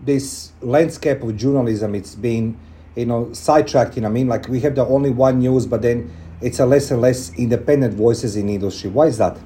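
A man with a mellow, warm tone hosts a radio talk show. He rambles a little, repeating words and leaning on fillers as he introduces and questions his guest. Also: medium pitch, moderate pace, slight background noise. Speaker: radio host.

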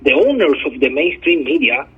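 Heard over a tinny telephone line, a guest journalist from Chile speaks earnestly in an interview, punctuating his talk with many hesitant ums. His fairly high voice carries a breathy edge, very animated at a moderate pace.

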